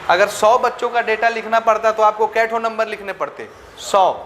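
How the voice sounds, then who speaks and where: A man's voice: high-pitched, a bit bright, slight background noise. A man teaching a maths class, counting numbers aloud and often checking whether the students follow. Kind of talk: classroom lecture.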